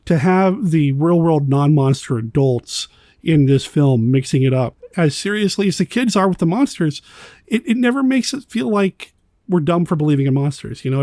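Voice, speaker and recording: A man's voice: fairly high pitch, mellow, dry recording, studio quality. A man hosting a podcast, chatting enthusiastically about a film, rambling a little with restarts. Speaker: podcast host. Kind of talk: casual film discussion.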